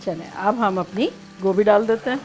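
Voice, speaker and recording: This cooking show host has a mid-range voice and speaks at a moderate pace while faint music plays behind her. Demonstrating a home recipe, she chats playfully through every step and sings bits of songs now and then.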